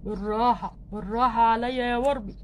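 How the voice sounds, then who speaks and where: A woman's voice: on the high side, fairly even intonation, quick pace, natural voice. Ken, a woman voicing an ailing remorseful husband doll. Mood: pained. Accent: Egyptian Arabic. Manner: plaintive, pleading, tearful when moved. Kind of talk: doll play acting.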